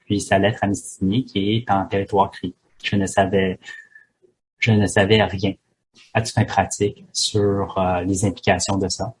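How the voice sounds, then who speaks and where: A man's voice: low voice, flat delivery, moderate pace, slight background noise. A man, a pharmacist guest speaking in a hesitant way with many fillers and restarts. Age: 30s. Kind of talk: casual interview talk.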